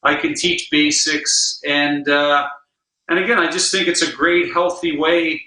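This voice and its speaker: A man with a fairly high, steady, bright and forceful voice speaks a little slowly while guest-hosting a podcast. A guitar player, he chats in an easygoing, rambling way with plenty of fillers, and the room has a noticeable echo.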